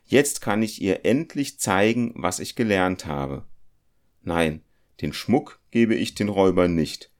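A man's voice: sits low, animated, slow pace. A man voicing a fearful young male goldsmith, pleading and stubborn, in a spoken storybook. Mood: earnest.

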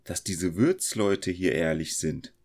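A man's voice: deep voice, slow, gravelly, a little mellow, exaggerated voice. A man voicing an anxious young goldsmith in a storybook reading, worried and uneasy. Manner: worried, rising.

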